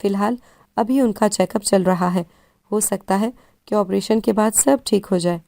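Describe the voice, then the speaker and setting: This is a calm, confident fifteen-year-old girl who runs her own clinic, voiced by a woman reading a story. She explains things evenly, in a mellow, dry, close voice. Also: mid-range voice, vocal fry, no room sound, lightly acted. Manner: calm and self-assured, explaining.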